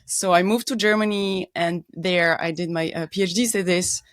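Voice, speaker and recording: A woman's voice: fairly low pitch, steady tone, moderate pace, dry recording. A middle-aged woman with a French accent, a guest engineer explaining her work in a casual podcast interview, searching for words with frequent ums.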